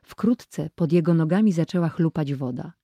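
A narrator reading a children's adventure audiobook in a steady storytelling manner. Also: mid-range voice, moderate pace, no room sound, studio quality.

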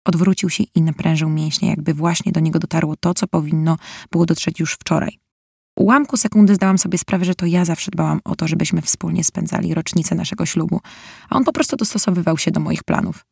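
A woman's voice: low voice, steady tone, fast talker, gravelly, darkish tone, husky, dry recording, studio quality. A young woman narrating a novel in the first person, in an emotional, bitter way. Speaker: audiobook narrator.

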